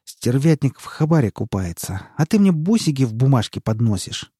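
Hot-tempered boss read by a man: loud, hissing threats, husky, dry. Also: mid-range voice, big pitch swings, normal speed, dry recording, voice pushed up. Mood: raging. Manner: harsh, shouting threats, hissing. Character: brutal, hot-tempered male boss interrogating an underling.

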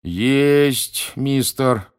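A man voicing a curious, plain-spoken campsite keeper who talks slowly and thoughtfully, in an audiobook reading. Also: mid-range voice, clean tone, pitched above the performer's own voice. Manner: slow, unhurried, musing.

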